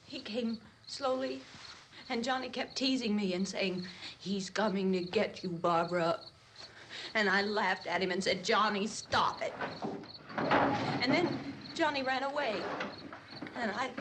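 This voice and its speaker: A woman playing a terrified young woman, high voice, slow dazed delivery, noisy old soundtrack. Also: close to an everyday voice. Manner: halting, dazed, breaking into hysterical crying. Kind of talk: 1960s horror film acting.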